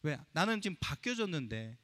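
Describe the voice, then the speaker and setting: A man's voice: on the high side, big pitch swings, a little fast, bright, forceful tone. A pastor preaching a sermon to his congregation, asking them rhetorical questions as he goes. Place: church sanctuary. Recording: long reverb of a church hall.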